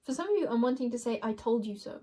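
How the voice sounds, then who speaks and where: A woman's voice: fairly high pitch, lively intonation, quick pace, mellow. A young woman doing an intuitive card reading for viewers, musing aloud and laughing often. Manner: giggly, musing, talks to viewers as you guys. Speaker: tarot card reader.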